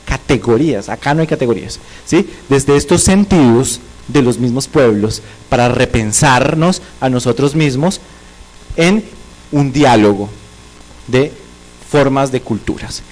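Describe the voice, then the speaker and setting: A man giving a reflective academic commentary in a seminar, speaking in short, measured, philosophical phrases. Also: medium pitch, animated, darkish tone, poor audio. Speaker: discussant in a seminar.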